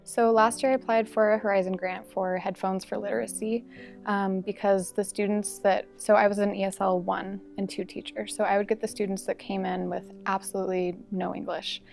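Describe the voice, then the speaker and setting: A woman teacher speaks in a steady, explanatory way, and her voice has a noticeable gravelly fry. A soft music bed runs quietly beneath her. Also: medium pitch, a little fast. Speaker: English-as-a-second-language teacher. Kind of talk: interview testimonial.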